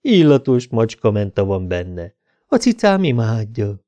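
A man voicing an affected, flirtatious woman at a bar who talks in a slow drawl. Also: on the low side, sing-song, warm tone. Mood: coaxing.

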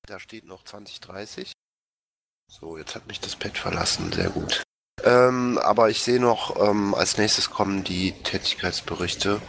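A man's voice: lowish voice, gravelly, fairly bright tone. A man giving a casual spoken report in an online meeting, hesitant, with many filler sounds and restarts. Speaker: party board member giving an activity report. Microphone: headset or desk mic on a voice chat call. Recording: voice chat audio with faint background noise.

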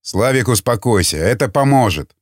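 A man voicing a calm, commanding seasoned scavenger who speaks tersely and bluntly. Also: medium pitch, normal speed, husky, dry recording, studio quality. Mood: stern. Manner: terse, blunt, matter-of-fact.

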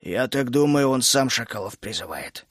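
A gruff, grumpy middle-aged dragon keeper, put on by a male audiobook narrator, grumbling and scolding with sudden hot outbursts. The voice sits lower than his narration and is recorded close and dry. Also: expressive, moderate pace, no room sound, close to an everyday voice. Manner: grumbling, scolding, bursts out hotly. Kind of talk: audiobook character voice.

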